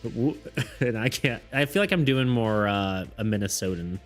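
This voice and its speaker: A man in a mid-range, animated voice talks with his live-stream audience at a moderate pace. He's casual and rambling, frequently laughing and starting sentences over, while faint background music plays.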